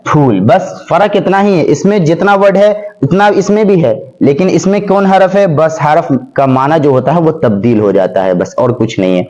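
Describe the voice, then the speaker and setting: A man's voice: a little high, expressive, few pauses, a little mellow. A man teaching grammar for an exam. He asks questions and answers them himself, repeating key words with emphasis. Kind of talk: classroom-style exam lesson. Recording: slightly dull lo-fi recording.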